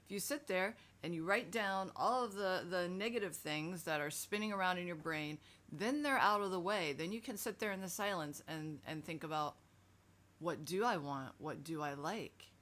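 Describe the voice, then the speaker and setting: A woman's voice: lowish voice, moderate pace, fairly bright tone. A middle-aged woman talking casually and emphatically in a self-help video, frank and conversational.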